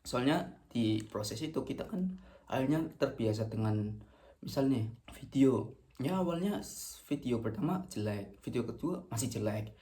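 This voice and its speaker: A man in his late teens with an Indonesian accent chats casually to camera while eating, rambling and halting, sometimes with his mouth full. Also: mid-range voice, animated, dark tone. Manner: rambling, halting, slangy, self-correcting; talking between bites, sometimes with mouth full. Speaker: vlogger.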